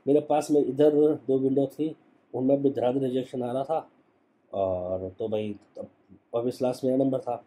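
A man's voice: mid-range voice, steady tone, normal speed, dark tone. A young man, a travel YouTuber, telling a story in a casual, slangy way and often adding "ठीक है".

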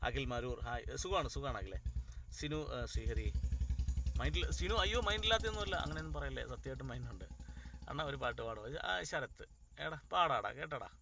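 A man's voice: medium pitch, vocal fry, sharp tone, lo-fi sound. A male actor on a phone live stream, casually chatting, reading out comments and greeting viewers by name.

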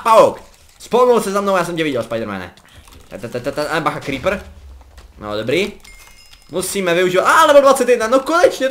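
A young man talks his way through a game session in a relaxed, rambling way, his voice sitting a little high. He jokes with his viewers and jumps into sudden excited yelps when the action turns against him. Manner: chatty, joking, rambling, breaks into excited yelps. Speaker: gaming commentator. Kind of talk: casual gameplay commentary.

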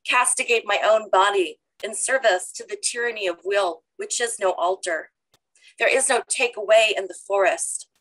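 A middle-aged woman reading her own poetry aloud in a measured, deliberate way, speaking over a video call from a room at home. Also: medium pitch, a bit bright, poor audio. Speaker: poet reading her work.

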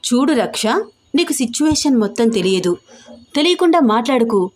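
A woman's voice: on the high side, lively intonation, normal speed, darkish tone. A woman voicing a young man who pleads with his beloved, in an audio story reading. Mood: insistent. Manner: pleading, insistent.

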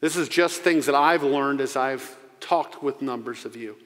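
A man in his forties preaching a sermon into a pulpit microphone as pastor. He speaks earnestly and slows down to stress key phrases. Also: mid-range voice, fairly bright tone. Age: 40s. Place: church sanctuary. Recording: long church reverb.

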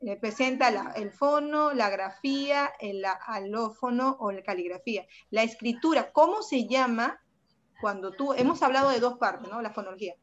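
A woman runs an online language lesson, fairly high-pitched, patient and affectionate yet firm. Her voice comes through a dull, lo-fi video call. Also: normal speed. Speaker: secondary school language teacher. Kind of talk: online class. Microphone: computer mic on a video call.

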